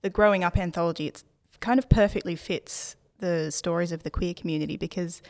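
A woman with a lowish voice hosts a podcast interview. She speaks in a measured, easy conversational way. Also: darkish tone. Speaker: podcast host.

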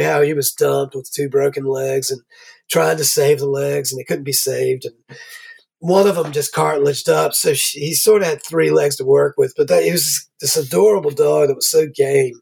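Gravelly, husky man telling stories. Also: fairly high pitch, normal speed. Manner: rambling, animated storyteller. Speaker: guest musician. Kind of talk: casual anecdote telling.

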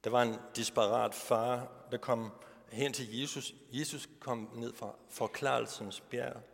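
Man, pastor, sermon, rhetorical questions, mid-pitched voice, long church reverb. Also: steady tone, vocal fry. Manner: asks rhetorical questions of the congregation.

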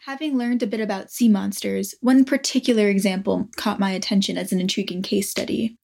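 A woman narrating a documentary in a thoughtful, measured scripted way. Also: mid-range voice, steady tone, gravelly, a little mellow.

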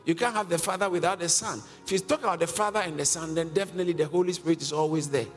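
Racing along in a voice on the high side, a man preaches a sermon rooted in scripture. He's emphatic, quizzes the congregation, and chuckles repeatedly, with faint music in a reverberant hall.

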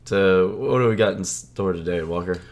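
Low, hoarse male sports podcast co-host. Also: normal speed, darkish tone. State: getting over an illness. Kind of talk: casual sports podcast banter.

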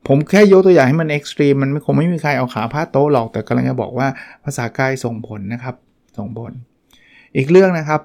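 A fast-talking man with an expressive, creaky, darkish voice at medium pitch hosts a casual solo book review podcast. He chats freely and acts out little quoted examples.

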